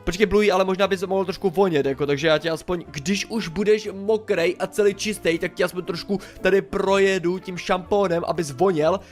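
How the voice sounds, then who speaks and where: A young man chatting excitedly through a game as a YouTuber, exclaiming and mildly swearing as he plays. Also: high-pitched, hardly any pauses, soft background music. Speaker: gaming YouTuber. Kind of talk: casual game commentary.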